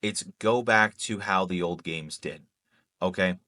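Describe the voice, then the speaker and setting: A man's voice: low voice, a little slow, bright, forceful tone, dry recording, studio quality. A young man ranting to his viewers about a video game, heated and profane, often checking in with "okay?". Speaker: gaming YouTuber. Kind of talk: ranting commentary to camera.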